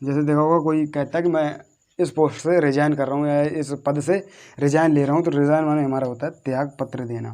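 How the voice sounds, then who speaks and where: A male teacher with a somewhat high voice leads a patient spelling lesson. He repeats each word several times and spells it out one letter at a time. He keeps asking his pupils questions and answering them himself. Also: dark tone. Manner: repetitive, drills words slowly letter by letter. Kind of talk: classroom-style lesson on English spelling.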